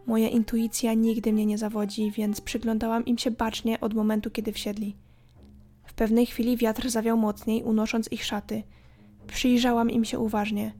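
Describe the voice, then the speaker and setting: A woman's voice: a little high, flat delivery, normal speed, dark tone, soft background music, close to an everyday voice. A woman voicing a frightened elderly woman on a night bus, speaking urgently and confidingly.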